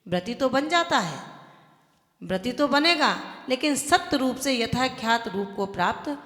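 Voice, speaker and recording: Jain nun preaching in an echoey hall. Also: female voice, a little high, lively intonation, unhurried, a bit bright. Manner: earnest, exhorting, explains with everyday examples. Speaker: Jain nun giving a sermon. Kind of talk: devotional sermon. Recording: echoey hall with long reverb.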